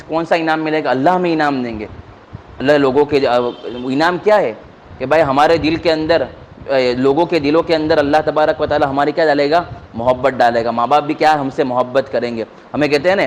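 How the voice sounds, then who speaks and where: Man teaching children religion, higher voice. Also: slight background noise. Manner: asks the listeners questions and answers them himself, in simple repetitive teaching; plain conversational speech with many fillers. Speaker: maulana giving a religious talk to students.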